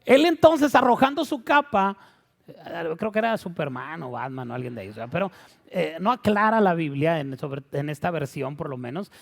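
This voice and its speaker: A man's voice: on the high side, expressive, fairly quick, creaky. A man preaching a humorous sermon who acts out the scenes he describes. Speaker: pastor.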